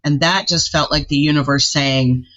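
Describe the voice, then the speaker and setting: A woman vocal artist being interviewed, telling her story casually and lively, acting out what people said, with a deep, soulful voice. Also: normal speed, dull audio. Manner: animated, acts out quoted voices.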